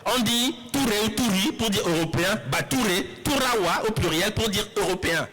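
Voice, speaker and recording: A man with a fairly high voice delivers a public lecture. He explains patiently, repeats key words slowly and questions his audience. A faint hiss of noise sits under the recording. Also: expressive, fairly bright tone, low-quality recording. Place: lecture hall.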